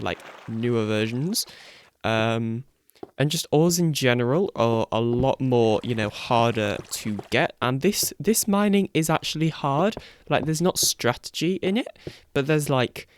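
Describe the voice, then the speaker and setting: A man's voice: mid-range voice, slight background noise. Rambling young man narrating gameplay. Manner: rambling, self-correcting, chuckles often. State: groggy morning voice. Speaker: gaming YouTuber. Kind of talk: casual Let's Play commentary. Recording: faint background music.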